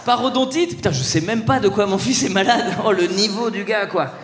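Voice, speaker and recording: A man doing casual stand-up, chatting and swearing with a live audience and slipping into quick impressions. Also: sits high. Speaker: stand-up comedian. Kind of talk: live stand-up crowd work. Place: theatre stage. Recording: roomy hall sound, faint crowd ambience.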